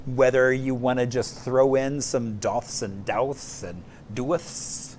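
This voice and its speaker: A man's voice: medium pitch, steady tone, takes it slowly, a little mellow, slight background noise. A man co-hosting a morning show in casual chat, easygoing and jokey, rambling a little.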